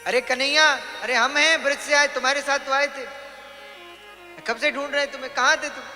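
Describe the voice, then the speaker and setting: A man voicing young village cowherd boys who loudly scold and plead with their friend. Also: very high voice, fairly even intonation, moderate pace. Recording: reverberant hall with music.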